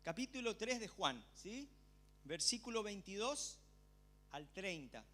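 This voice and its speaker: Animated Argentine preacher, slightly high voice. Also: male voice, takes it slowly. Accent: Argentine Spanish. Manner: animated storytelling, acting out his own past reactions. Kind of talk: church sermon with personal anecdote. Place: church.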